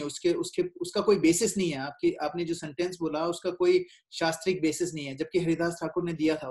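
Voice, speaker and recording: A man with a somewhat high-pitched voice leads an informal spiritual class. He talks conversationally and often pauses to check in with his listeners. He mixes English phrases into his speech. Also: a little mellow. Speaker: devotional speaker.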